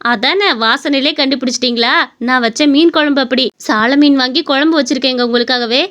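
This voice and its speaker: Quick, high-voiced young wife pleading with her miserly husband, voiced by a woman. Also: a bit bright. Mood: cheerful. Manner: pleading, exasperated.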